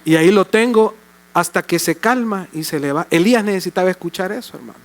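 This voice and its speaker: An older man preaching a sermon as pastor in a church, fervent at times and soft and tender at others. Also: high voice, brisk.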